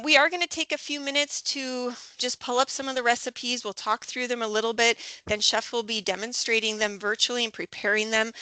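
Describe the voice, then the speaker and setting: A woman wellness coach introducing a virtual cooking class, talking quickly and chattily with fillers. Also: on the high side, sharp tone, clear, resonant tone, dry recording, rough recording.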